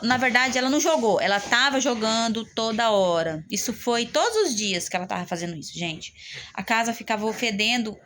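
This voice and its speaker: A woman's voice: fairly high pitch, a bit bright. A woman with a Brazilian accent, a family caregiver, talking casually and at length straight to her viewers, rambling and often turning to address them. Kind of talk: casual vlog talk to viewers.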